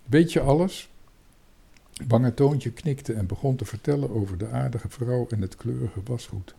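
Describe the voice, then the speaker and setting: Husky-voiced man reading a children's story. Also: medium pitch, moderate pace. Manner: lively expressive reading, voices for the characters. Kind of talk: reading a children's book aloud.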